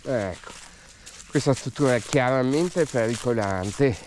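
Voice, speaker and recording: A man's voice: mid-range voice, animated, unhurried, a little mellow, slight background noise. A man with a Venetian Italian accent giving casual, colloquial commentary as he guides viewers around an outdoor site, with regional dialect expressions. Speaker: urban explorer vlogger and guide. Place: outdoors in windy hills and abandoned ruins.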